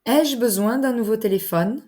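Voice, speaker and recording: A woman teaching a French lesson, enunciating each phrase slowly and carefully. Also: on the high side, dark tone. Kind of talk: slow, clear language lesson.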